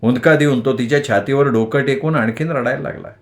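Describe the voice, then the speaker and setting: A man narrating a novel as an audiobook storyteller, in a measured, expressive way. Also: medium pitch.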